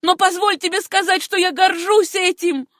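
A wronged young woman, high-strung and defiant, her voice pitched high and pushed hard, as a woman reader plays her. The sound is close and dry, like an audiobook booth. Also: animated, normal speed, a bit bright, dry recording. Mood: desperate defiant. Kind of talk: audiobook character reading.

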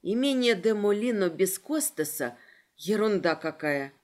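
Female audiobook narrator, lively pitch, wry first-person read. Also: measured pace.

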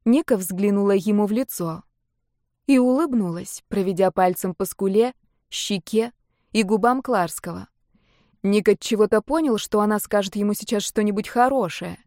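A woman narrating a romance novel as an audiobook in an even, measured voice. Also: mid-range voice, no echo, studio quality. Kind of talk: scripted narration.

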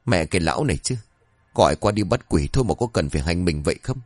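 A man's voice: low-pitched, lively intonation, quick pace, no room sound, soft background music, pitched below the performer's own voice. A man voicing a young man who grumbles and curses under his breath. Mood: grumbling.

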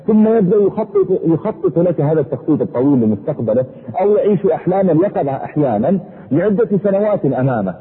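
A man preaching a sermon in a husky voice, fervent, his pitch sweeping up and down. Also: big pitch swings, quick pace. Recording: echoey hall over a tinny phone-like line.

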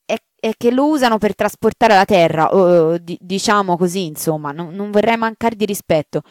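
A woman's voice: mid-range voice, normal speed, a little mellow, dry recording, studio quality, pitched above the performer's own voice, lightly acted. A woman voicing a timid housemaid who stammers and apologizes nervously. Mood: flustered. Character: timid, flustered female housemaid.

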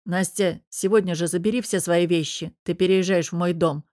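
A stern, blunt businessman friend who gives curt orders, read by a woman narrating an audiobook. The voice sits low, and the delivery is short and commanding. The recording is dry, with no room echo. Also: fairly even intonation, normal speed, mellow, natural voice.

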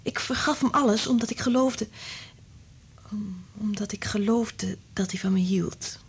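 This radio drama performance features an actress as a bitter, anguished married woman, intense and confiding. She speaks at a measured pace in a medium-pitched, breathy, husky voice that drops to whispers.

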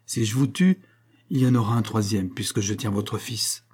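A man's voice: on the low side, moderate pace, a little mellow, husky. A man reading aloud as a scheming, vengeful husband who taunts his rival with irony. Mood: taunting. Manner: taunting, ironic.

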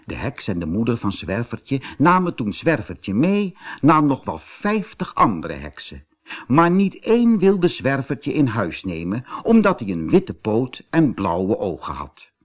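Guy reading a kids fairy tale, slow and super animated, huskyish. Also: mid-range voice. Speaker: storyteller. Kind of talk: scripted audiobook narration of a fairy tale.

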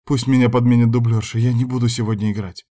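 A man voicing a heartbroken young actress who breaks into shrill, tearful outbursts, raised high above his own voice. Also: level tone, quick pace, mellow, lightly acted. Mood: pleading.

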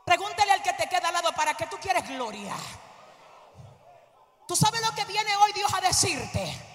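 A woman pastor preaching a Pentecostal sermon in a large church, impassioned and often shouting to the congregation. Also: very high voice, very animated, normal speed, some chatter behind, a little hiss or hum. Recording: echoey church hall with long reverb.

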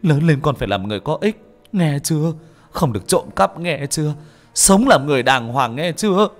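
Brief: man playing anguished father, pitched up and pleading, wide swings in pitch. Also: big pitch swings, normal speed, soft background music. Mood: tender pleading. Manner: high, pleading and frantic. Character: desperate young father, frantic and raw.

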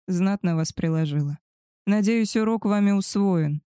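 A woman voicing a cold, commanding male alpha werewolf leader who speaks in a stern, firm, measured way. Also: mid-range voice, dark tone, smooth, no echo, clean studio sound, natural voice.

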